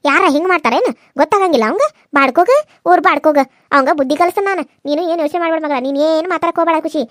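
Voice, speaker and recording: A woman voicing a scolding middle-aged mother-in-law in a cartoon serial, with a North Karnataka Kannada accent and a sharp, rapid way of talking. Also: very high-pitched, no echo, clean studio sound. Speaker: voice actor.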